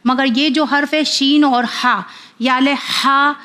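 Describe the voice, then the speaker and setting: A woman teaching children Quran reading in a patient voice, with a Pakistani Urdu accent, spelling out each letter pair slowly and repeating it twice. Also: high-pitched, steady tone, pushed and bright. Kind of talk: slow syllable-by-syllable recitation lesson.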